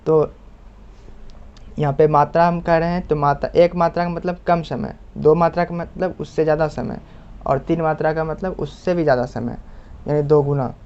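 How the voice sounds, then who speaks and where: A man teaching a lesson patiently, repeating points and drawing out example sounds slowly. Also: fairly high pitch, fairly even intonation, darkish tone, a little hiss or hum. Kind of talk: explanatory lesson. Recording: muffled lo-fi recording.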